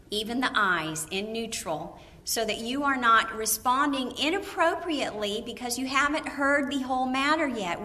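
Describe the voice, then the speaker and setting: Woman, preacher's wife, Bible teaching talk, fairly high voice, lively, acts out quotes.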